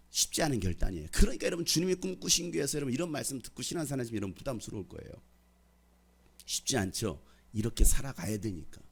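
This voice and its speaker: Gravelly middle-aged pastor preaching, voice jumps all over, pokes fun at the crowd. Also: male voice, mid-range voice. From Jeolla, South Korea. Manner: lively preaching, quizzes and teases the congregation. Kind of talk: sermon.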